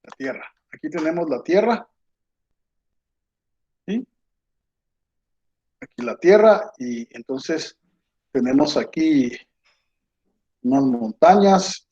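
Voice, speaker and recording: A man teaching an online lecture, slow and patient, checking in with his students after nearly every phrase. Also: a little high, darkish tone. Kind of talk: online lecture while drawing on a board. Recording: dull lo-fi sound.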